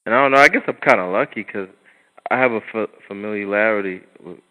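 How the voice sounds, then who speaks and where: A man's voice: fairly low pitch, fast. A man in casual conversation who talks hesitantly, filling gaps with 'like' and 'um'. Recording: tinny phone line.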